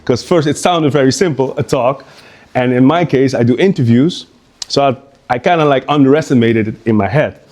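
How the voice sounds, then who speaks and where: At an art exhibition, a guest speaker from Curaçao gives an informal live talk, speaking haltingly and conversationally and frequently restarting his sentences. He has a mid-range voice with a darkish tone.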